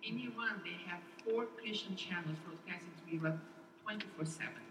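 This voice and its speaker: A woman from Brazil tells her story in halting, English and pauses often on uh. Her voice sits a little low and comes across a big, echoey hall, heard from a distance over steady room noise. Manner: halting, with frequent uh fillers and nonstandard English. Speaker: ministry guest speaker. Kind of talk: testimony at a church event.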